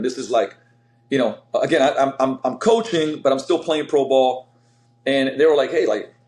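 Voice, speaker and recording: A middle-aged man from Slovenia talks in a casual interview, full of energy and fillers, restarting his sentences as he goes. His voice sits at an ordinary pitch. The room gives it a noticeable echo. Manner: energetic, rambling, lots of fillers. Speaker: fitness coach, guest. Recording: roomy echo.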